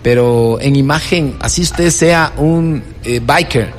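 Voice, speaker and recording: A man talking as a guest in a casual conversation, lively and acting out little dialogues. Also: mid-range voice, slow, in a large hall, faint music behind. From Ecuador. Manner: animated, acts out quoted dialogue.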